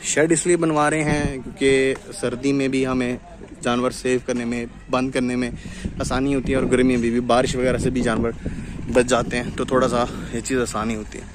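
A young man from Pakistan walking viewers through his farm construction site in a casual vlog, filmed outdoors on a phone. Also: mid-range voice. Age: young adult. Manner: explanatory, steady talk to viewers. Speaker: cattle farm vlogger. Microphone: phone camera, selfie framing. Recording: outdoor noise from tractors and wind.

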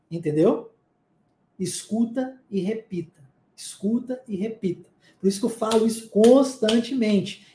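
A man's voice: very high voice, dark tone. A man with a Brazilian Portuguese accent, teaching an English lesson. He explains points emphatically, repeats them, and keeps checking in with short tag questions. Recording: roomy echo.

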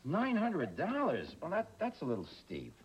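Stammering, flustered teacher. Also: male voice, fairly high pitch, huge pitch swings, moderate pace, a little hiss or hum. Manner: stammering, nervous restarts. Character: easygoing, flustered middle-aged male teacher. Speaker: high school teacher. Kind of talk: sitcom acting.

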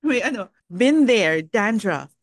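A woman co-hosting a casual podcast chat, laughing often and reading funny sayings slowly. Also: medium pitch, expressive, no echo, clean studio sound. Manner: giggly, reads misquotes slowly with laughs. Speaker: podcast co-host.

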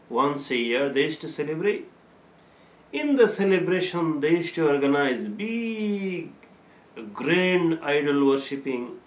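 In an echoey, plain room with a bare wall, an older man teaches a religious lesson at a slow pace. His voice sits on the high side; as an Islamic teacher, he explains verses unhurriedly and chants Quranic recitation in Arabic between explanations.

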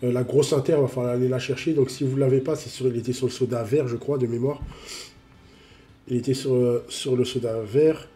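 A man's voice: mid-range voice, fairly even intonation, fairly quick, mellow. A man with a cold, sniffling as he reviews a mobile game card in a casual, repetitive way, full of fillers. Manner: repeats himself, full of fillers.

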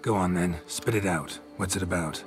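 Geralt, a man playing a gruff, very deep-voiced witcher. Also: moderate pace, faint music behind, lightly acted. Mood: dry. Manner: terse, dry, sardonic. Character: gruff world-weary male monster hunter, middle-aged. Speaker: witcher taking a contract.

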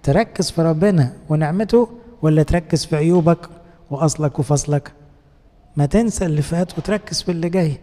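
A man's voice: fairly high pitch, fairly quick, mellow, big-room sound. A man with an Egyptian accent, a priest giving a conversational sermon in a coaxing, colloquial way and asking the congregation rhetorical questions. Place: church.

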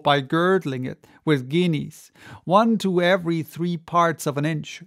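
A man's voice: on the high side, gravelly. A man voicing an obsessed, vengeful whaling captain in an audiobook, intense and declamatory. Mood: scornful.

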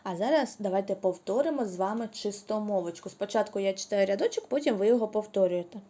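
A woman teaching a preschool reading lesson, drawing out syllables slowly and praising the children cheerfully. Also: mid-range voice, lively intonation, warm tone. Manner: slow, drawn-out syllables when modeling words. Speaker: kindergarten teacher.

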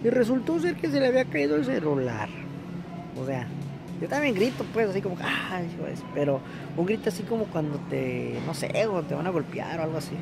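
A Mexican man talking casually to his vlog audience, his voice gravelly and pitched a little high. He rambles and fills his pauses with filler words. He is recording on his way to work and at a store. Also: sing-song, over music. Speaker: vlogger.

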